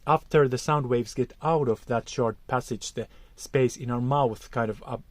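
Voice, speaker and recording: A man with a Finnish accent teaches vocal technique, explaining acoustics carefully and hesitantly as he searches for words. His voice is medium-pitched at a moderate pace, with no room sound.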